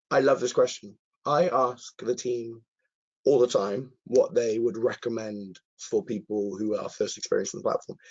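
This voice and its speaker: A man with a hoarse, croaky voice answers questions as an earnest, enthusiastic presenter in a live webinar. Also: medium pitch, darkish tone, muffled recording. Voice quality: croaky, husky. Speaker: presenter, cyber security content author.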